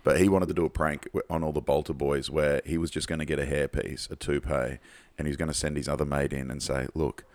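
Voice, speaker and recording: A man's voice: extremely low pitch, fairly even intonation, fast, hardly any pauses, dry recording. An Australian man co-hosting a podcast outdoors in casual, jokey, teasing chat with some swearing. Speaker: podcast co-host. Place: outdoors on a deck area by a pool.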